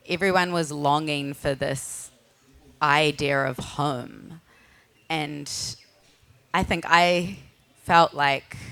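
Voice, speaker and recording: Female, broad New Zealand accent, low smooth voice, reflective and searching panel talk. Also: a bit bright, no room sound. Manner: tentative, searching for words, frequent "like". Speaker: panel guest, podcaster.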